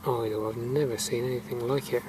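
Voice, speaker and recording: Flat-voiced man, noisy outdoors. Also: mid-range voice, brisk. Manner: thinking aloud with fillers, matter-of-fact. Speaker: refrigeration technician. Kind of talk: casual hands-on narration. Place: outdoors in a yard.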